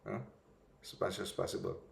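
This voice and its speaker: A man giving a gentle, conversational spiritual talk in a mix of Tagalog and English, often checking in with the listener. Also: low-pitched, fairly even intonation, normal speed, creaky, reverberant. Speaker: preacher.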